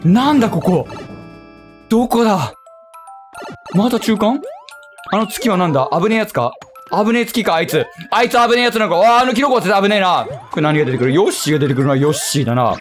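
A young man with a Kyushu lilt narrates a platform game as he plays. His fast, bouncy delivery jumps between high excited yelps and low mutters, with game music softly underneath. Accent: Kyushu Japanese. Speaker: game streamer. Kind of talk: let's play commentary.

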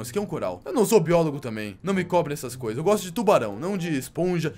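Excitable Brazilian man, fast gaming commentary. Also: high voice. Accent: Brazilian Portuguese. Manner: excitable, jokey, slangy, talks to the game fish. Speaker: gaming YouTuber. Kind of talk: gameplay commentary.

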